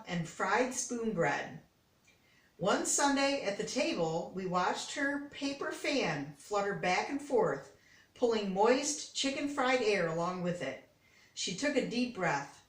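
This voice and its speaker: An older American woman from Detroit reads a children's picture book aloud with expression, dropping in chatty personal asides. Her voice is fairly high and a bit bright. The recording sounds roomy and echoey, as if the microphone were far away.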